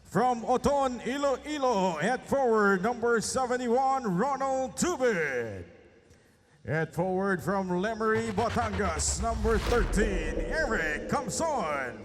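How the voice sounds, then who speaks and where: A man works as an echoing stadium announcer, introducing lineups in a booming voice and drawing out player names. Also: expressive, slow. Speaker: arena announcer. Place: large indoor arena over PA. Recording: long arena reverb, music behind.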